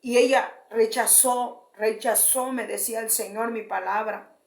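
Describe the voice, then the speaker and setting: A woman's voice: a little high, fairly even intonation, vocal fry. A woman giving a fervent testimony sermon, often repeating her address to the congregation and restarting phrases. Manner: repeats "beloved brethren", halting restarts. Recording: roomy echo.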